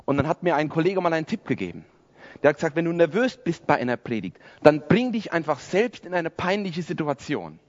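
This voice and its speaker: A pastor in his forties preaches to a congregation at a church service, keeping things conversational and poking fun at himself. His voice is fairly high and sing-song, and he moves along briskly. The recording sounds lo-fi.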